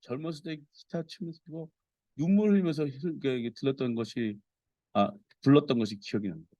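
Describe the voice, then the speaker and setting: A man preaching a Sunday sermon as a pastor, earnest and expressive, reading scripture aloud with feeling. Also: medium pitch, quick pace, dry recording.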